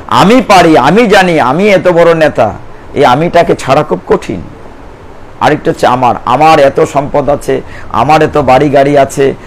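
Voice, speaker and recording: Earnest preacher, slightly high voice. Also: male voice, a little hiss or hum, rough recording. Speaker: Gita preacher. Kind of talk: devotional sermon with chanting.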